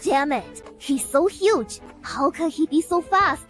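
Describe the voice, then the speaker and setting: A woman plays a combative female demon out for vengeance in an anime story. Her voice is high and declaiming. Music is clearly heard underneath. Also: slow pace. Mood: alarmed. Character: fierce, vengeful female demon gang fighter. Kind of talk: dubbed anime-story dialogue.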